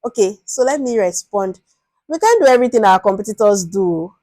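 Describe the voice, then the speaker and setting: Nigerian woman giving a lively lecture. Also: mid-range voice, a little fast, no room sound. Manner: lively, repeats words, acts out stakeholder exchanges. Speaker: product management speaker. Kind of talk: informal lecture.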